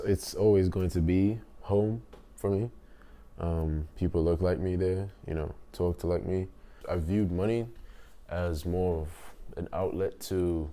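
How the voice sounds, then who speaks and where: A man in his twenties from Nigeria, speaking thoughtfully in a documentary interview and pausing often to rephrase. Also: deep voice, dark tone. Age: 20s.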